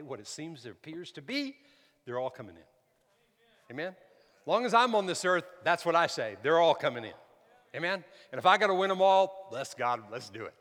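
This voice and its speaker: A man in his sixties preaching a sermon, swinging from loud emphatic lines to soft near-whispers and asking for amens. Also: mid-range voice. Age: 60s. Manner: repeats words and asks the crowd for amens. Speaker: pastor. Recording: long hall reverb.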